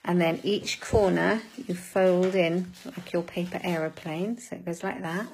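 A woman's voice: lowish voice, steady tone, unhurried, darkish tone, slight background noise, poor audio. A woman giving a live craft demonstration, chatting with viewers as she works and laughing at her own fumbles. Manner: chatty, greets viewers by name.

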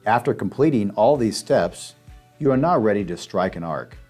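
A man giving steady, step-by-step scripted narration over a demonstration video. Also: on the low side, moderate pace, faint music behind. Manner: steady instructional step-by-step delivery.

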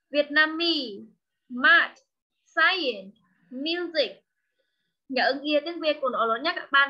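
A woman teacher leads an online class with a high, bright-pitched voice, unhurried and deliberate. She drills each word several times and asks her pupils patient, coaxing questions. The sound is dull and lo-fi, as over a video call. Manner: drills words by slow repetition. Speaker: English teacher. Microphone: video call microphone.

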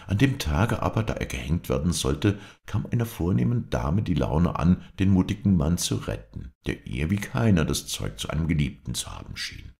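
Man, audiobook narrator, very low voice, creaky texture, lively rise and fall. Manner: expressive storytelling. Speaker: audiobook reader.

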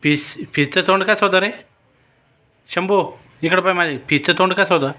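A man's voice: high-pitched, normal speed, bright, forceful tone, a little hiss or hum. A man at home filming a small child, playfully coaxing with repeated questions. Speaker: parent filming a toddler.

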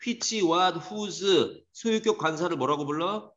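A man teaching an English grammar lesson to a class, lively and teasing, scolding students. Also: sits high, slow. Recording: dull echoey classroom recording.

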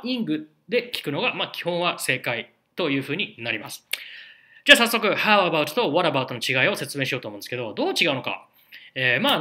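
Man, English teacher, casual video lesson, animated, bright voice. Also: on the high side. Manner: chatty, animated explaining with spoken examples.

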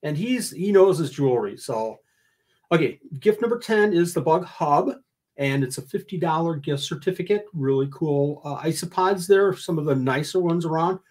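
An older man with a husky voice, hosting a casual livestream giveaway, chatting and joking as he reads out a list of gifts. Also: a little high, animated, normal speed, darkish tone. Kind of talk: casual giveaway announcement, reading out gift list. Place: indoor room, livestream.

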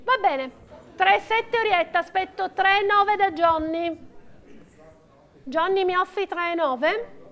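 A woman runs an auction in a strikingly high voice. She calls prices and bidder names at a slow pace, in short, repetitive chanted phrases. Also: a bit bright.

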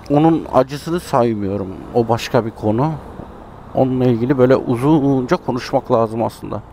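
A man's voice: mid-range voice, normal speed, dark tone. A Turkish man chatting casually to his viewers while riding a motorbike through city traffic, musing and commenting on the road. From Turkey. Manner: chatty, musing, talks to himself about the road. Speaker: motovlogger. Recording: faint road and engine noise.

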